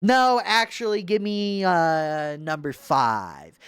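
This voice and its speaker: A man voicing an indecisive male customer ordering fast food, hesitant and drawn-out. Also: sits high, animated, fairly bright tone, smooth, no room sound, full character voice. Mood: dithering.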